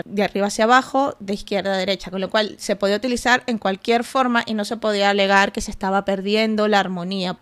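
A woman hosting a podcast, explaining step by step in a casual way with asides and rhetorical questions. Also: mid-range voice. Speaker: podcast host.

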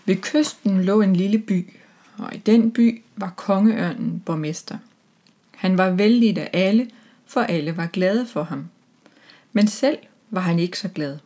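A woman's voice: medium pitch, warm tone. Woman reading a children's story.

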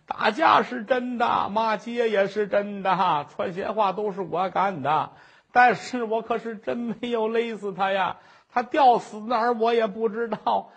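A man's voice: high-pitched, measured pace, vocal fry, a bit bright, husky, full character voice. A male storyteller voicing a frightened older woman who wails and pleads her innocence before a judge. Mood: wailing. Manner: wailing, pleading.

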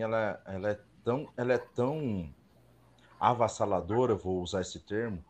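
A male host with a middle-pitched voice talks in a relaxed, conversational way. He reflects as he speaks, often stopping to search for words, and keeps the exchange going with short agreements. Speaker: podcast host. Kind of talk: casual chat.

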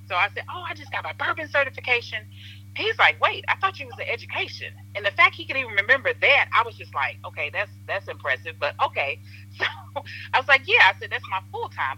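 A woman's voice: mid-range voice, breathy edge, low-quality recording. A woman from Southern Illinois, a podcast guest telling stories in casual chat, acting out the quotes and laughing often. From Southern Illinois, USA. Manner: animated storyteller, acts out quotes, laughs often.

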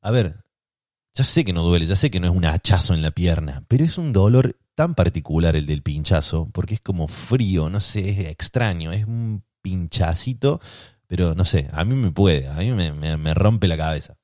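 A man's voice: sits low, a little fast, few pauses, no echo, clean studio sound. A young adult man with a Rioplatense accent telling a self-deprecating personal anecdote on his podcast. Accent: Rioplatense Spanish. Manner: self-deprecating, animated storytelling. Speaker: podcast host.

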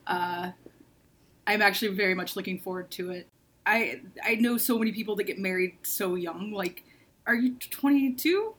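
A woman's voice: medium pitch, moderate pace, husky. 29 yo woman, blunt and intense, says like a lot, book chat. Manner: frank and intense, many "like" fillers. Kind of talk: casual book-club chat.

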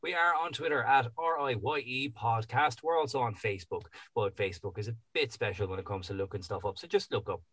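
A man's voice: medium pitch, a little fast, hardly any pauses, fairly bright tone. A man hosting a podcast, chatting casually in a rambling way with plenty of ums. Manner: easygoing, rambling with many ums. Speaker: podcast host. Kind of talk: casual podcast chat and sign-off.

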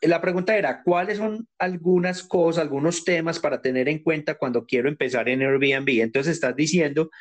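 A man leads a relaxed-format interview. His voice sits a little higher than average for a man. He talks conversationally, explaining and putting questions. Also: normal speed, few pauses. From Colombia.

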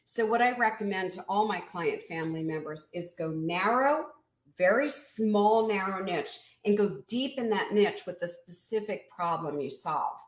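A woman business coach being interviewed, explaining her method in an energetic, emphatic teaching tone. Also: lowish voice, reverberant.

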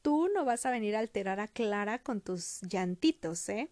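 A woman voicing a strict, scolding governess, with a sharp, scolding manner. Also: mid-range voice, lively intonation, normal speed, no room sound, lightly acted.

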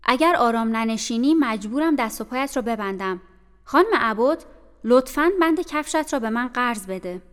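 A woman's voice: a little high, expressive. A woman voicing a firm but kindly young nursemaid in an audiobook, lecturing in a stern, coaxing way. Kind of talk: audiobook character voice. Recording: reverberant room with faint music.

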